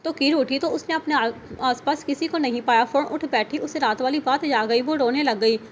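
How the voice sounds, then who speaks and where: A woman narrating an audio novel in a steady storytelling manner. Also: sits high, brisk, slight background noise.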